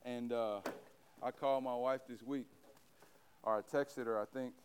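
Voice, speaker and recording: A man's voice: mid-range voice, fairly even intonation, slow pace, a little mellow, slight background noise. A man preaching a sermon at a church service, emphatic and repetitive as he addresses the congregation. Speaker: pastor.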